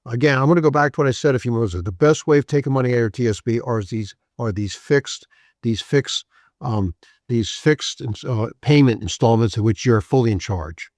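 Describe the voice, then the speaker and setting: A man's voice: medium pitch, brisk, darkish tone, no echo, clean studio sound. A man presenting a webinar lecture on retirement benefits, conversational and prone to restarts and repeats.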